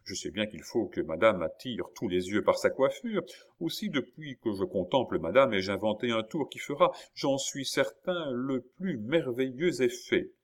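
A man's voice: mid-range voice, lively intonation, normal speed, pitched above the performer's own voice, close to an everyday voice. A man voicing a confident young hairdresser who speaks politely and with assurance.

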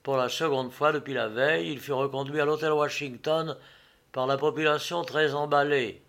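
A man reads a classic novel aloud as audiobook narration. His voice sits slightly high, and he tells the story in a measured, expressive manner.

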